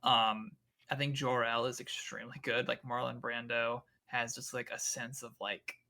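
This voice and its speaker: Gravelly bright young man, laid-back chat. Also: mid-range voice, little pitch movement, normal speed. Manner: laid-back, lots of "like" fillers. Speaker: podcast co-host. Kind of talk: casual film discussion.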